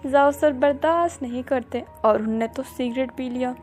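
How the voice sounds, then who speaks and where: A woman's voice: high voice, normal speed, a little mellow, soft background music, lightly acted. A woman voicing a male office security guard muttering his thoughts to himself.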